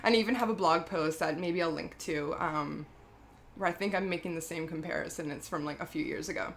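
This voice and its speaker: A woman's voice: sits low, a little fast, a little hiss or hum. A woman talking casually about her skincare product, chatty and rambling, with lots of fillers and self-corrections. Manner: laughs often mid-sentence. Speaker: skincare brand founder.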